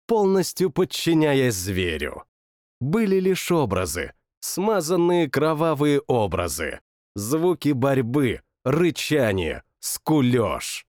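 A man narrating a first-person fantasy audiobook in a dramatic, expressive way. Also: on the high side, no room sound, clean studio sound.

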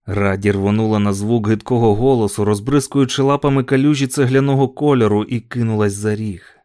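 A man reads a story aloud in an even, measured telling. His voice is dark and mellow and sits fairly low, and the sound is dry and close with no room around it. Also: no room sound. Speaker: audiobook narrator. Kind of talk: scripted audiobook narration.

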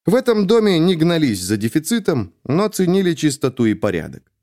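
Man narrating with lively pitch. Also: fairly quick. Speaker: audiobook narrator. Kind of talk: scripted narration.

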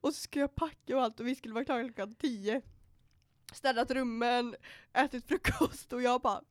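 Young female podcast co-host, fairly high voice, lively storyteller who swears and mixes in English, dry close recording. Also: no echo. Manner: animated storytelling, quoting herself. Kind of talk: casual chat.

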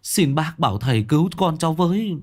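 A man's voice: on the high side, lively intonation, fairly quick, voice pushed up. A man voicing a panicked middle-aged father who stammers and begs for help. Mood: pleading. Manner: frantic, stammering, pleading.

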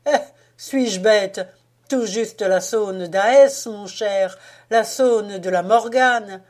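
A woman reading the part of a boisterous, mocking male sailor, with loud, hearty exclamations, in an audiobook. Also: mid-range voice, expressive, measured pace, husky. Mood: exultant.

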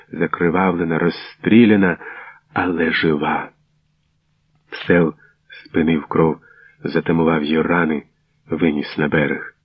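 A man narrating a literary story in an expressive, dramatic way, in a dull, dry recording. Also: sits low, slightly rough, dry recording. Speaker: audiobook reader.

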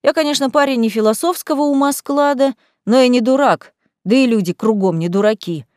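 A woman's voice: a little high, brisk, darkish tone, no echo, studio quality, close to an everyday voice. A woman voicing a blunt, earnest young man standing up to his mother in a storybook. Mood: defiant. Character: plain-spoken young man, defiant son.

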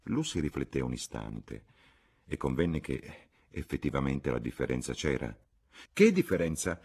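A man narrating a novel as an audiobook reader, in an expressive husky voice. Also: very deep voice, normal speed. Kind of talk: scripted narration.

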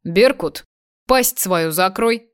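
A man's voice: high voice, lively intonation, slow pace, a bit bright, clear, resonant tone, heavily acted. A woman reading the part of a cruel, vengeful male kidnapper who taunts and gloats. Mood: mocking. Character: vengeful cruel young man kidnapper, mocking.

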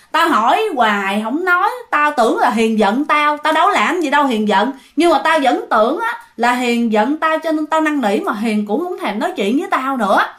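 A flustered young man pleads his innocence in a long, insistent ramble, his voice sitting a touch high, voiced by a woman telling a ghost story. He sounds caught off guard and eager to be believed. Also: a bit bright.

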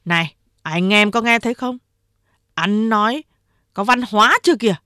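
A woman's voice: medium pitch, moderate pace, pushed and bright, no room sound, clean studio sound, close to an everyday voice. A woman voicing a crude, bullying gang boss man who threatens and swears. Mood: mocking. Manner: gruff, bullying.

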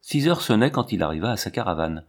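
Guy reading an old novel out loud, lowish voice, steady and measured. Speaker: audiobook narrator. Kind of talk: scripted narration.

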